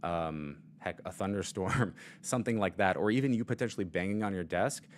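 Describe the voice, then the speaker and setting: A man with a low voice demos microphone gear from his desk, talking at a brisk clip. He explains things casually, with plenty of fillers, during a live product demo and Q&A. His studio mic sits on a shock mount and arm, and there's slight background noise.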